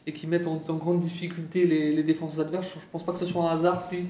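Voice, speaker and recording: A man's voice: a little high, flat delivery, quick pace, warm tone, roomy sound, a little hiss or hum. A man giving his football opinions on a panel, hesitant and full of fillers and restarts. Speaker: football pundit. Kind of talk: casual panel chat.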